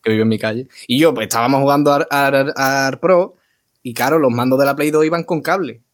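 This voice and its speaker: A man's voice: medium pitch, a little fast. A man hosting a casual chat among friends, laughing often. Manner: leads the segment, laughs often. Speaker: podcast host.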